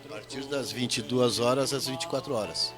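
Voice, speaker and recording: A man's voice: medium pitch, fairly even intonation, a little fast, over music. Folksy gaúcho man telling stories. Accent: Gaúcho Brazilian Portuguese. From Rio Grande do Sul, Brazil. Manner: folksy storytelling with jokes. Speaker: evangelist guest. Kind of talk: radio interview.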